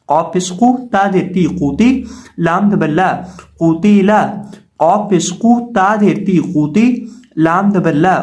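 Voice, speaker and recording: A patient male teacher drills Quran letter sounds syllable by syllable. His voice sits high for a man. He repeats each sound carefully, like a slow classroom lesson. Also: darkish tone.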